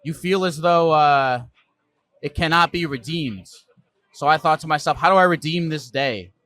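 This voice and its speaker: A man hosting a casual street interview in a city park, opening with a rambling, deadpan comic monologue. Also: a little high, moderate pace, no room sound. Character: man in a gecko costume. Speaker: host.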